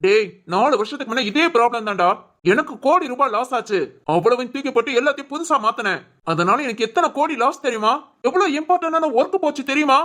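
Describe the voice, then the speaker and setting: Woman playing a scornful shouting male boss. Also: high-pitched, animated, quick pace. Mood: furious. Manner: berating, scornful.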